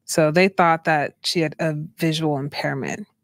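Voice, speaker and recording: A woman's voice: low-pitched, normal speed, no room sound, studio quality. A young woman, a doula and midwife, telling her own story earnestly as a guest, with many casual fillers. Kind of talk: candid personal storytelling.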